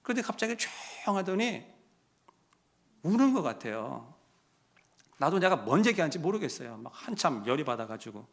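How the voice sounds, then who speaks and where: A male pastor telling a story in his sermon, dropping to a hush and then rising loud and impassioned. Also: fairly high pitch, very animated, moderate pace, creaky, long pauses. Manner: swings from hushed to loud and impassioned.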